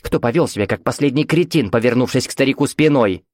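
A man's voice: mid-range voice, quick pace, darkish tone, dry recording, studio quality, voice pushed up, close to an everyday voice. A man voicing a cold, sneering domineering mother. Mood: mocking. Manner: scornful, cutting, commanding.

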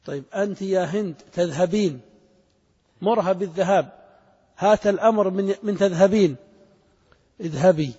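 A man's voice: sits high, warm tone, slightly rough. A man teaching Arabic grammar to a class, asking students questions and repeating their answers. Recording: muffled recording in a reverberant hall.

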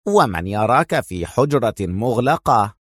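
Man doing an icy crime boss in an audiobook, low and slow, cool and contemptuous, dry sound. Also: big pitch swings, dry recording. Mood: cold. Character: cold calm male crime boss.

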